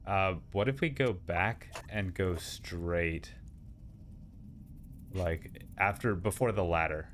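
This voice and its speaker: A man's voice: low voice, takes it slowly, a bit bright, a little hiss or hum. A man playing a tabletop game, making wry, dry asides in a casual chat. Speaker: player.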